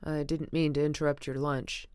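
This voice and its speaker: Audiobook read: a woman voicing a worn-out, sick garage man, flat and subdued, low and smooth. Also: moderate pace, no room sound, studio quality, natural voice. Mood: weary. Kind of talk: audiobook reading.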